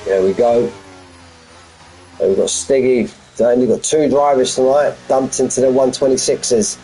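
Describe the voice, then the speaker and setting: A man's voice: mid-range voice, fairly even intonation, moderate pace, warm tone, breathy edge, poor audio. A man giving informal, matey live commentary on an online racing league, chatting to the drivers like mates. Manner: matey, addresses drivers as mate, lad and bud.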